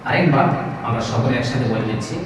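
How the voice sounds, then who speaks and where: A man's voice: medium pitch, animated, a little hiss or hum. Man teaching Quran pronunciation, echoey distance. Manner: patient, drawn-out sung letter demonstrations. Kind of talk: televised Quran pronunciation lesson.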